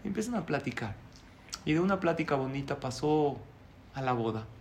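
A male rabbi, telling a story in a sermon, animated and chuckling, asking the audience questions. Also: fairly high pitch, a little fast, a little hiss or hum.

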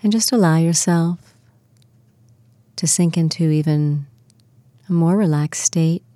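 Low and mellow, a woman's voice leads a guided relaxation with slow, soft-spoken, soothing instructions, never hurrying. The recording is close and dry, with no room sound or echo.

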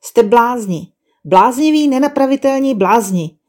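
A woman's voice: mid-range voice, mellow, natural voice. A woman voicing a weary, sceptical female owl who sighs and scolds the other animals in a storybook tale. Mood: scolding. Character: grumpy wise female owl, scornful and weary.

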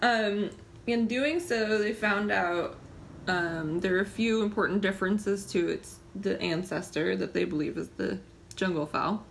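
A woman co-hosting a casual podcast, chatty and quick to laugh as she walks through her notes. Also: medium pitch, gravelly, a little hiss or hum. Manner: giggly, animated, laughs often. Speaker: podcast co-host. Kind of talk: casual chat.

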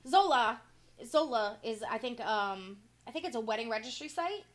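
High-voiced woman, lively casual co-host. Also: moderate pace. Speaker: podcast co-host. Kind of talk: casual, sweary banter.

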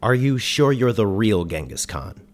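An actor playing a dry, exasperated ghost who hosts a radio show, speaking in a deadpan, wry way. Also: male voice, lowish voice, measured pace. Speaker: host. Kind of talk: comedy radio sketch.

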